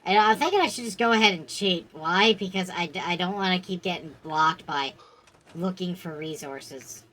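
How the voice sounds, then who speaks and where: A woman's voice: on the low side, normal speed, fairly bright tone. A woman streaming a game, chatting casually with friends in a wry, offhand way. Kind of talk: casual gaming chat.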